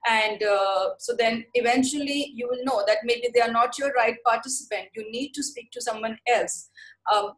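A woman with an Indian English accent giving an online lecture, explaining quickly with many fillers, over a video call. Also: a little high, rough recording. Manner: fast-paced explanatory talk with many fillers. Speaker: webinar presenter.

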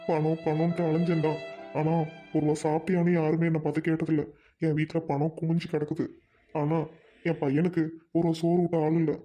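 A man acting as a remorseful older widowed father in an amateur drama, speaking slowly and apologetically. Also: a little high, flat delivery, dark tone, faint music behind, natural voice. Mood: regretful.

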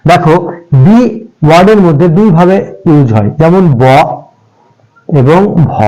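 A man with a slightly high voice walks children through letter sounds. He speaks patiently and spells out each example word letter by letter, then repeats it. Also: warm tone, poor audio. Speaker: English pronunciation teacher. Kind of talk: step-by-step spoken lesson for children.

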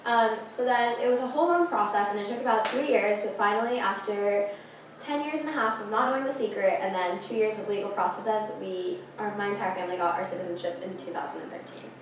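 A woman's voice: medium pitch, quick pace, slight background noise. Young woman, student presenter, from Peru, earnest, hesitant ums, very echoey classroom, distant camera. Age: late teens. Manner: earnest, with frequent ums and restarts. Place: classroom with projector screen. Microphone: far camera.

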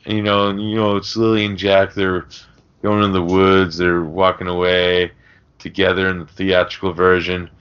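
Chatting loosely about movies, this podcast co-host rambles and swears his way through the conversation. He speaks at a moderate pace with a low-pitched, flat, smooth delivery, captured in dull lo-fi podcast audio.

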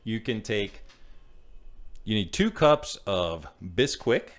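A middle-aged co-host on a casual podcast walks through a biscuit recipe, apologizing often amid jokes and rambling. He speaks slowly, his lowish voice swinging widely in pitch.

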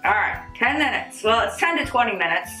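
Woman, speaking through a sheet face mask, somewhat high voice, echoey room. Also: expressive, brisk. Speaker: beauty vlogger. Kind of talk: casual product review. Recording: echoey room with faint music.

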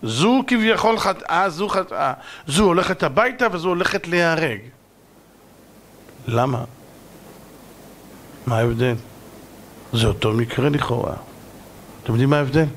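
Heard first is a man's high, bright voice, a rabbi preaching a sermon. He talks straight to his listeners, acts out stories with vivid changes of voice and now and then breaks into a shout. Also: lively intonation, pauses often, slight background noise. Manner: dramatic, acts out parables in many voices; addresses audience directly, sometimes shouts.

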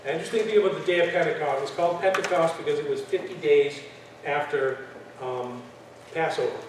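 A man's voice: on the high side, a little fast. A man teaching a church class in a conversational lecture style, with frequent fillers and restarts. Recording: echoey room from far off, faint noise.

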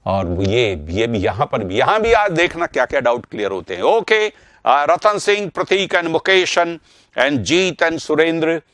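A man's voice: on the high side, sing-song, unhurried, a bit bright, dry recording. A middle-aged man teaching Hindi grammar in a live online class, greeting students by name and explaining through repeated examples.

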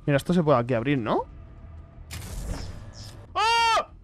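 Over background music, a young streamer talks briskly through a horror game in a voice on the high side. He's jittery and keeps repeating himself whenever something frightens him, all in a casual tone for his viewers.

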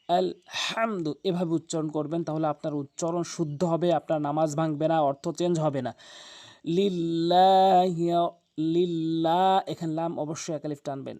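A man teaching correct Quran pronunciation, explaining mistakes and then reciting each word slowly and drawn out. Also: on the high side, a little mellow. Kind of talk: pronunciation lesson with slow chanted examples.

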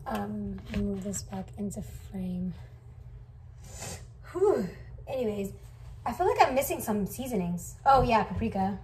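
A young adult woman from a Somali family chats casually while cooking in her home kitchen for a vlog, rambling with lots of fillers. Her medium-pitched voice is animated, unhurried and darkish, with frequent pauses, picked up noisily by a distant camera on the counter.

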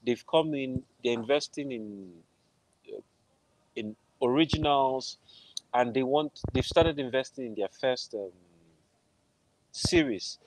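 Speaking from a room at home over a video call, a Nigerian film composer with a Nigerian accent gives conversational interview answers through wired earphones. His mid-range voice moves at a slow pace with frequent pauses, and the poor audio carries slight background noise.

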